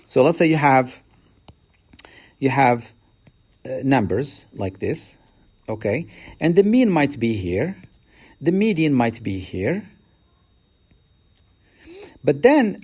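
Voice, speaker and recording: Very animated yet slow, a male math teacher delivers a recorded statistics lesson with frequent pauses. His tone is darkish and a bit rough. Explaining step by step, he raises his pitch to highlight the important words.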